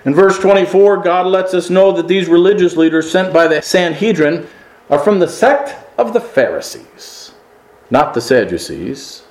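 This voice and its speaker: A man's voice: high-pitched, big pitch swings, normal speed. Echoey preaching man, emphatic swells. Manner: preaching with rising emphatic peaks and quiet drops. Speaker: pastor. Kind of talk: sermon.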